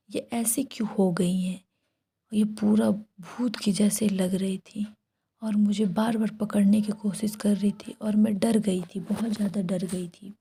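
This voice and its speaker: A woman's voice: mid-range voice, creaky, mellow, slightly rough. A woman whispering a first-person horror story throughout.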